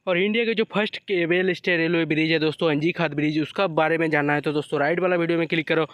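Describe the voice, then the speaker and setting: A man's voice: fairly high pitch, fairly even intonation, quick pace, a bit bright, dry recording. A man narrating a casual vlog about a construction site, explaining as he walks and calling his viewers friends again and again. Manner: repeats "friends" as a filler, explanatory. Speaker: construction update vlogger.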